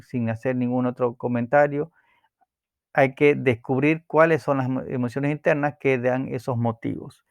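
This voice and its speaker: Guy calmly going through a self-help book, some ums and restarts, dead dry audio. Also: mid-range voice, smooth, no echo. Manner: calm, explanatory, with hesitations and repeated words. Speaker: book explainer.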